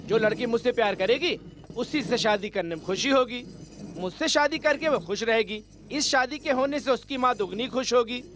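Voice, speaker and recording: A sly flirtatious village elder. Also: male voice, very high-pitched, expressive, normal speed, a bit bright, slight background noise. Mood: coaxing. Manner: teasing, chatty. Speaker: older village man courting a widow. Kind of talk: Hindi film dub.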